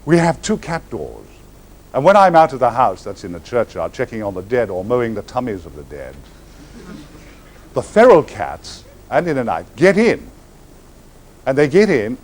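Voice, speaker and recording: A male actor tells a theatrical anecdote on stage to a live audience, spinning the story like a raconteur. His vocabulary is lavish and his wording grand and florid. The delivery is lively and swooping, with sudden swings in pitch and comic pauses for timing.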